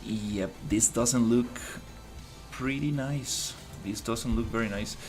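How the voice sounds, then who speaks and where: A man's voice: medium pitch, takes it slowly, a little mellow, faint music behind. A man from Costa Rica streaming his game development work, thinking aloud in a casual way with many fillers and restarts. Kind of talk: casual live-stream commentary.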